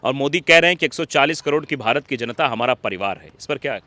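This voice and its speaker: A man's voice: mid-range voice, expressive, fast talker, sharp tone, dry recording. A man with a north Indian Hindi accent, interviewing a political guest with short prompts and frequent acknowledgements.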